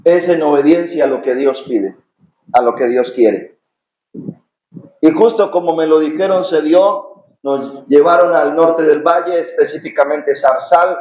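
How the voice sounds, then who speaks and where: Man preaching, high voice, fervent, echoey church hall. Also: measured pace, slight background noise. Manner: impassioned preaching, rising to shouts. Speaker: pastor. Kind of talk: sermon. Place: church sanctuary. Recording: echoey, dull church recording.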